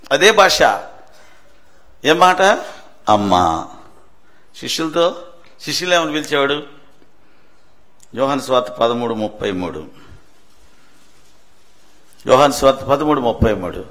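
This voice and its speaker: A man's voice: medium pitch, unhurried, long pauses, sharp tone. A male preacher. He delivers a sermon, asking rhetorical questions, answering them himself, and repeating key phrases for emphasis. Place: church prayer hall.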